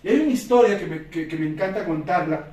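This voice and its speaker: A man's voice: high-pitched, animated, quick pace, mellow. A man giving a motivational talk to a sales team, telling stories and acting out quoted voices. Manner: storytelling, acts out quoted voices. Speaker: motivational speaker for a sales business. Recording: echoey room, distant mic.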